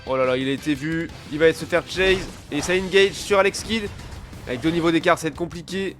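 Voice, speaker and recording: A male esports caster with a notably high voice calls a match live. His play-by-play is colloquial and full of gamer slang, with faint music playing behind him. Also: a little fast, a bit bright.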